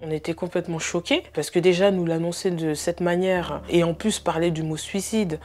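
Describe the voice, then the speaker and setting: A woman giving an earnest documentary testimony as a bereaved sister. She speaks hesitantly, with frequent filler pauses. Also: lowish voice, steady tone, a little mellow, soft background music. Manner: earnest, emotionally heavy recounting.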